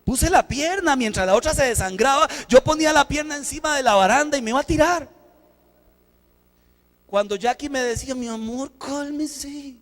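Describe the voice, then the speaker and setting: A male pastor, preaching a sermon and telling an animated story with acted-out dialogue. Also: very high voice, brisk, long reverb tail. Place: church sanctuary.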